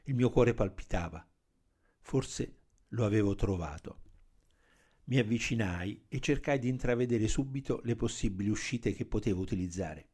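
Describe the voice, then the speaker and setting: Low-voiced man narrating a crime story. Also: dark tone.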